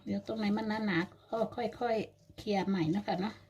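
A woman's voice: mid-range voice, steady tone, moderate pace, darkish tone, lo-fi sound. An older woman, narrating a home cooking vlog and chatting to viewers like friends. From Thailand. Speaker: vlogger. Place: home kitchen.

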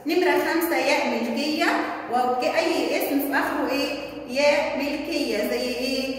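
A woman teacher with an Egyptian Arabic accent walks young pupils through a lesson, asking questions and supplying the answers herself. Her voice sits high, and it sounds far from the mic in a strongly echoing room with a long reverb tail. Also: normal speed. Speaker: primary school teacher. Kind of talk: classroom lesson explanation.

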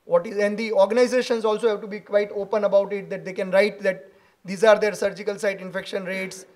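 High-voiced man answering questions. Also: flat delivery, a little fast. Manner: earnest, gesturing while he argues. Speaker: keynote speaker. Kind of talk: conference Q&A answer. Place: lecture hall. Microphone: podium microphone.

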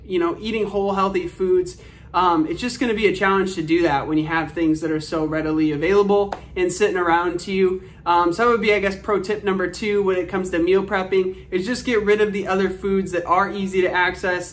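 This young man's voice sits high and has a fairly bright tone. He's at home, indoors in the living room and kitchen, chatting upbeat to camera for his viewers.

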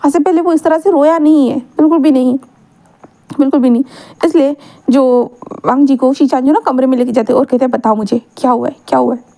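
High-voiced woman telling a story. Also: steady tone, a little fast, mellow. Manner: chatty, self-correcting asides. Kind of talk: casual fan-fiction narration.

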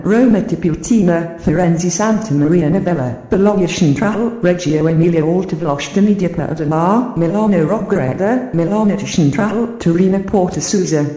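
Woman, train station announcement, mellow voice, calm, echoey. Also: fairly low pitch, highs cut off. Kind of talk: formal scripted announcement.

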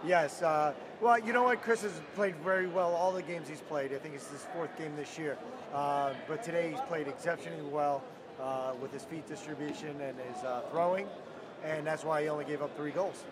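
A man's voice: fairly high pitch, fairly even intonation, moderate pace, crowd noise. Upbeat middle-aged male coach. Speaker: head coach. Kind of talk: postgame interview. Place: indoor soccer arena floor. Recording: arena noise behind.

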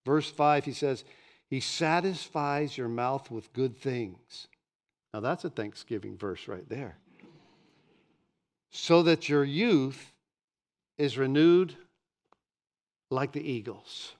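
A man in his sixties preaching a sermon from a church pulpit, animated and often repeating words as he starts a sentence. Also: medium pitch, takes it slowly, long pauses. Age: 60s. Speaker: pastor. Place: church stage behind a pulpit.

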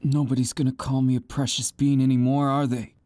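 A man's voice: medium pitch, little pitch movement, a little fast, dark tone, no room sound, studio quality, close to an everyday voice. A man voicing a cocky, villainous teenage boy in a fan audio drama, taunting and menacing, at times stammering as he feigns nerves. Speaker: voice actor.

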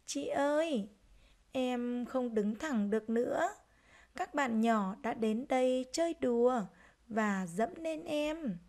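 Woman doing a high, slow, sobbing grass sprout for a storybook reading. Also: animated, a little mellow. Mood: tearful. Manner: sobbing, pleading. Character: small tearful young grass sprout, girl-like.

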